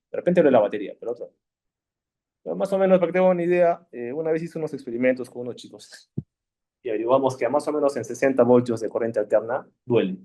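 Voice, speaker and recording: A man's voice: medium pitch, a little mellow. Chatty man teaching electricity. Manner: chatty, checks in with frequent "¿sí?" and "¿no?". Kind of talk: casual classroom lecture.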